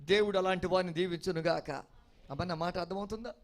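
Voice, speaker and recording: A man's voice: sits high, steady tone, fast talker. A male pastor delivering an expository sermon, preaching with emphatic repeated refrains and often asking the congregation whether they follow him.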